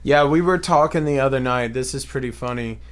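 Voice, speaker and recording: A man's voice: mid-range voice, smooth. A young man co-hosting a podcast in casual chat, laughing easily and explaining things. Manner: slow, relaxed, with frequent laughter. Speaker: podcast co-host.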